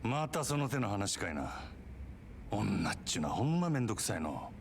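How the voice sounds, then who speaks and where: Gruff, low-voiced Osaka Japanese club manager. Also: male voice, sing-song, racing, slight background noise. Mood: exasperated. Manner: gruff, blunt, rough colloquial speech. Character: gruff, blunt male cabaret manager. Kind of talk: video game voice acting.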